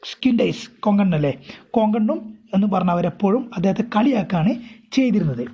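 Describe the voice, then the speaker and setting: A woman teacher with a Kerala accent explains an English story, reading lines slowly and then rephrasing them again and again. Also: medium pitch, husky. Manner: repeats and rephrases often. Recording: dull lo-fi recording.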